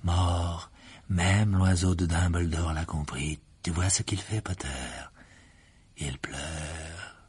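A man voicing a young male dark wizard, cold and gloating, who taunts slowly and drops into whispers. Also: low-pitched, fairly even intonation, breathy edge, voice pushed down, heavily acted.

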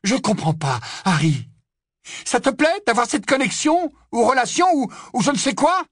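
A man's voice: very high-pitched, big pitch swings, moderate pace, a bit bright, breathy edge, dry recording, clean studio sound, pitched above the performer's own voice, full character voice. A man voicing a stern, anxious teenage girl who scolds and urges. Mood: pleading. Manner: scolding, urgent.

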